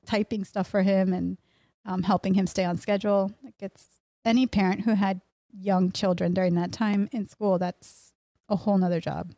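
In a small podcast room, a middle-aged Miami woman born in Mexico, who is a pastry chef and owns a bakery, gives a casual conversational interview. She speaks at a normal speed in a warm, steady, medium-pitched voice, recorded dry on a close boom-arm studio mic while she wears headphones.

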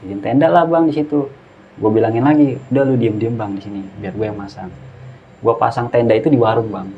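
A man's voice: mid-range voice, a little fast. A man telling a story in casual slang and acting out the dialogue. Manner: slangy Jakarta-style speech, acts out dialogue. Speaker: guest storyteller. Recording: muffled lo-fi with faint hiss.

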